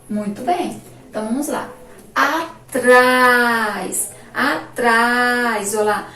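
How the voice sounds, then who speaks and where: A Brazilian woman teacher giving a remote lesson to young children, drawing out each word slowly as she pronounces it. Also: on the high side. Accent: Brazilian Portuguese. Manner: slow, drawn-out pronunciation of words for children. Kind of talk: remote primary-school lesson. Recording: echoey room, voice from a distance.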